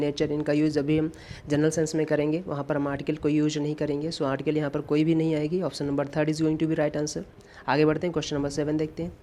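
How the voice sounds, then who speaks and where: A man's voice: a little high, mellow. A man teaching English grammar for competitive exams, explaining in Hindi mixed with English and repeating key points. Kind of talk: exam-prep grammar lesson. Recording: faint background noise.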